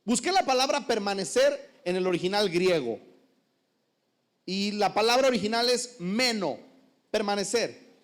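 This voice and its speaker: A man preaching as a pastor, with animated, humorous delivery and many rhetorical questions. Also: sits high, unhurried, long pauses. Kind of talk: sermon.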